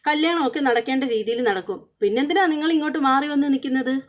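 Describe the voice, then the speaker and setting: A woman's voice: sits high, lively intonation, racing. A woman voicing a young wife who brushes off questions about her hurt. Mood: evasive. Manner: evasive, brushing things off.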